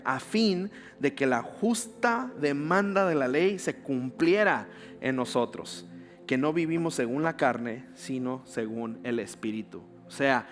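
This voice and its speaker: A male pastor, preaching a conversational sermon full of rhetorical questions. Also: medium pitch.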